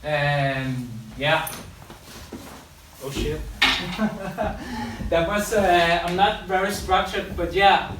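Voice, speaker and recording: Very slow and pausing often, a high-pitched man addresses an audience in a room. He works as a school teacher and public speaker, and his talk is loose and unscripted, with frequent mid-sentence corrections. The sound is distant and echoey, with faint hiss.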